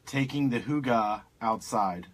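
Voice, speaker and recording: A man's voice: medium pitch, takes it slowly. A man hosting a garden radio show who asks his guest chatty questions in a casual way.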